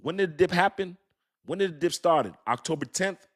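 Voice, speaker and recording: Hosting a crypto stream, this high-voiced man speaks at normal speed, excitedly addressing chat directly. His casual talk is hyped, full of slang and repetition.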